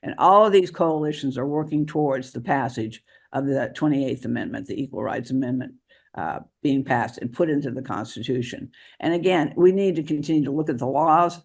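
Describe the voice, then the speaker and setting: Here a guest author and advocate fields interview questions in a gravelly, medium-pitched voice, stopping and starting over again and again as he speaks.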